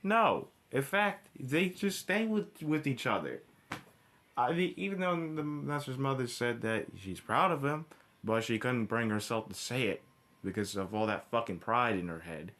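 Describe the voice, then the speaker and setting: A man with an expressive, medium-pitched voice and a fairly bright tone reviews a cartoon episode in an informal rant. Blunt and profane, he often breaks off, backtracks and restarts what he's saying.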